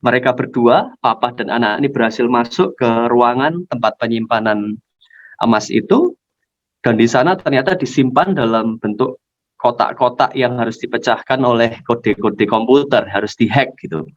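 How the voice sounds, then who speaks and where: A man preaching at a youth service, telling a story in a lively way, on a dull lo-fi recording. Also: mid-range voice, normal speed. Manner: animated storytelling. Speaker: youth pastor. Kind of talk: storytelling sermon.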